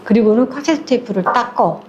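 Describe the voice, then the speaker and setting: A woman's voice: fairly high pitch, a little fast, a little mellow, dull audio, slight background noise. A woman casually retelling a short story in a chatty, conversational way.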